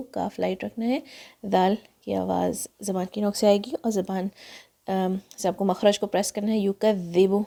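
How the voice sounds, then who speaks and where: A woman's voice: mid-range voice, creaky, warm tone. A woman teaching Quran recitation in a tajweed lesson, explaining each letter patiently and step by step, with a Pakistani Urdu accent. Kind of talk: tajweed lesson, slow demonstrations.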